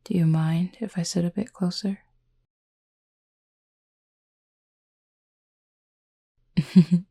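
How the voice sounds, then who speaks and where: Here a woman plays a gentle, composed horned cupid roommate in soft-spoken, intimate roleplay audio. Her voice is low, soft, breathy and husky, and she speaks in measured, formal wording, calm and reassuring, with tender, soft teasing.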